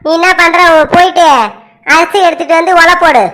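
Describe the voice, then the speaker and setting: A woman's voice: very high voice, level tone, brisk, fairly bright tone. A woman doing a bossy scolding mother-in-law. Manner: scolding, ordering.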